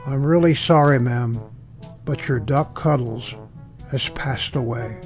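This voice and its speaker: Deadpan weary vet, a man playing him. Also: mid-range voice, takes it slowly, over music, natural voice. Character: weary, deadpan male veterinarian.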